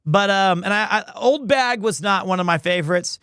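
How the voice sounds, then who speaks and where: Guy streamer with a highish voice, dry close sound, rambling playful chat with viewers. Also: moderate pace, bright, forceful tone, clean tone, dry recording. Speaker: livestream host, amateur voice actor.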